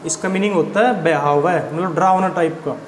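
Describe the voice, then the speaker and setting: High-voiced man spelling out vocabulary. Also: normal speed. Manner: spells words letter by letter, asks and answers his own questions. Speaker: vocabulary teacher. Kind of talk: classroom vocabulary lesson. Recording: echoey room with faint background noise.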